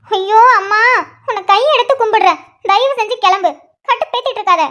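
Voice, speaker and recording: This is a snappy, fed-up young woman in a cartoon with a very high voice, as a woman plays her. She sounds exasperated and short. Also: fast talker, a bit bright. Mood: irritated. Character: irritated young woman, a student.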